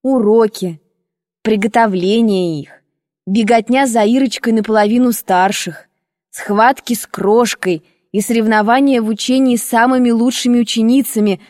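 Woman narrating an audiobook, fairly high voice. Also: no echo, studio quality, long reverb tail. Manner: measured, expressive storytelling. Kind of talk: first-person audiobook narration.

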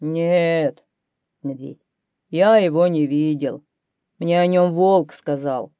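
A woman voicing a big male bear in a storybook reading, asking loud, gruff questions. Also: deep voice, takes it slowly, dry recording. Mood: alarmed.

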